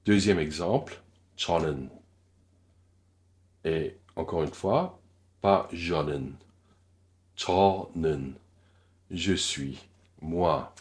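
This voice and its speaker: A man from Korea with a Korean accent, giving a careful pronunciation lesson. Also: low voice. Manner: slow, careful demonstrations with many pauses. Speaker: language teacher.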